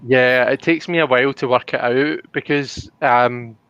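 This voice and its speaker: A man's voice: medium pitch, fairly even intonation, normal speed, fairly bright tone, clean tone, muffled recording. A man with a broad Scottish accent chatting casually as a guest on a livestream. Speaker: guest co-host and tarot reader. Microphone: remote call on a livestream.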